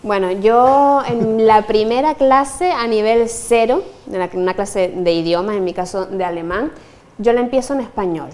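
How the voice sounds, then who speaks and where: A woman's voice: fairly high pitch, normal speed, darkish tone. A young adult woman teacher, explaining her views in an interview and laughing often. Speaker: German teacher.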